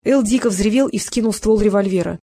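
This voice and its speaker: Narrator: mid-pitched, measured, scripted audiobook reading. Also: mellow.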